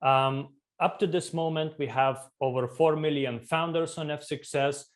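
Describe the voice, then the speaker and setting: A man's voice: fairly high pitch, fairly even intonation, normal speed. A man from Lithuania giving an online conference talk as a startup community co-founder, with many fillers and restarts. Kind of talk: conference talk over video. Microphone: remote video call.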